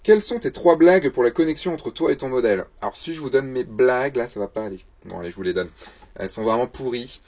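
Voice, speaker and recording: A man's voice: mid-range voice, expressive, quick pace, darkish tone. A man, a photographer and the show's host, answers viewer questions in a casual vlog, joking and mocking himself in a loose, chatty way.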